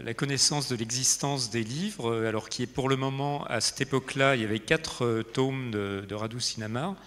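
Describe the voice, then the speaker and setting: A man giving an informal conference talk, hesitant and often pausing in the middle of his sentences. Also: medium pitch, a bit bright. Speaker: conference speaker. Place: conference hall. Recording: reverberant hall, faint noise and audience.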